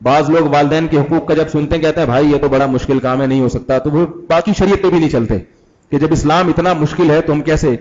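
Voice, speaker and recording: A man's voice: fairly high pitch, darkish tone. Man, sermon, conversational, quizzes listeners, acts out examples, dull lo-fi audio. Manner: conversational, asks the audience questions, acts out examples. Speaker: preacher.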